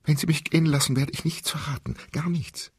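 A man's voice: fairly high pitch, steady tone, brisk, a little mellow, husky, no room sound, clean studio sound, voice pushed up. Man voicing a terrified captive woman. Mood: pleading, terrified. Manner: stammering, desperate pleading. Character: terrified young woman held captive, pleading.

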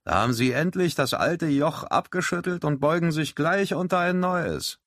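A man doing a gruff, grumbling sailor. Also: on the high side, normal speed, fairly bright tone, no room sound, clean studio sound, voice pushed up. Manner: grumbling, sarcastic. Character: gruff grumbling male sailor, sour, mocking.

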